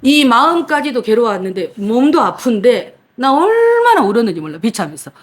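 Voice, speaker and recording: Woman, pastor, sermon with personal testimony, higher voice, very lively pitch, dramatic storytelling. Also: moderate pace. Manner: animated storytelling, acting out her past cries and laughter.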